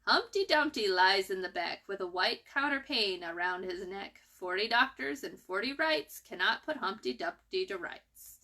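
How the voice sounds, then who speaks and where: A woman's voice: mid-range voice, expressive, moderate pace, hardly any pauses, pushed and bright. A woman voicing a cheeky, rude young male squirrel from a storybook, chanting riddles in a taunting singsong.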